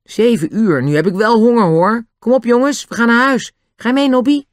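The narrator plays an eager, outspoken boy in a children's audiobook, voice lifted above the narration. He calls out lively questions. The reading is dry and close-miked. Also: mid-range voice, moderate pace, dry recording, pitched above the performer's own voice.

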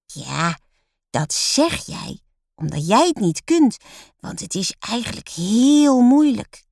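A shrill little sister who whines and squeals high above the narrator's usual voice, as a woman puts her on. She is quick to fly off the handle and stays indignant. The storybook reading is recorded close and dry. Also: very animated, gravelly, a little mellow, dry recording, exaggerated voice. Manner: shrill, whiny. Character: young girl, younger sister, quick to anger and shrill.

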